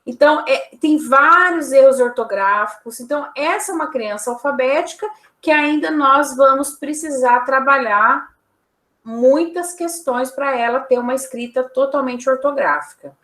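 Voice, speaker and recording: A woman's voice: sits high, normal speed, a bit bright, roomy sound. A woman teacher giving a recorded online lecture, explaining examples one by one with frequent tag questions.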